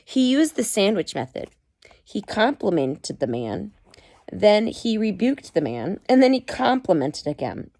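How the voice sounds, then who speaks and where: Here a mother reads a book to her children at home, her mid-range voice dark in tone, very animated yet unhurried, on a dry recording. Chatty throughout, she frequently stops to comment and explain.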